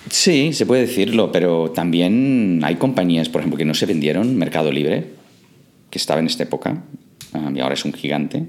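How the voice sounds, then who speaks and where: Very deep-voiced man from England. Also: animated, brisk, a little mellow. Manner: hesitant, many fillers and restarts. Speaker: guest, startup co-founder. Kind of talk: interview answers.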